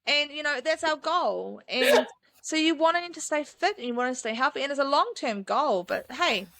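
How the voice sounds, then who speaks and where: A woman talks as a guest on a podcast, enthusiastic and chatty, full of "um"s. Her voice is bright and clear, and the sound is dry and close. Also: sits high, expressive, moderate pace, no echo. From New Zealand. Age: 30s. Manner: enthusiastic, chatty, many fillers. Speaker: mountain guide, podcast guest. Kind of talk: casual interview chat.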